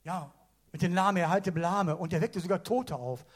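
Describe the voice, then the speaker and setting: A man's voice: high voice, moderate pace. A man preaching a casual sermon, retelling stories in colloquial slang. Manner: colloquial, animated storytelling with slang.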